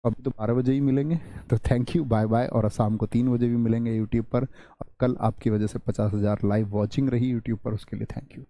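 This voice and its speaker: A man teaching a live online Hindi grammar class, slowly repeating example sentences for stress and putting questions to his viewers. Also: mid-range voice, fairly even intonation, mellow. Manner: asks the viewers questions and answers them himself.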